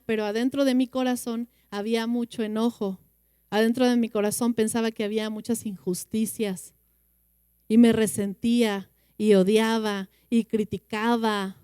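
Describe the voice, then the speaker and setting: A woman with a Mexican Spanish accent teaches parents in an earnest church talk, drawing out key words for emphasis. Her voice sits a little high yet mellow and smooth. The recording is dry and close. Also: no echo. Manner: earnest, slows down for emphasis and acts out children's replies. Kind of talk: teaching talk with Bible quotes.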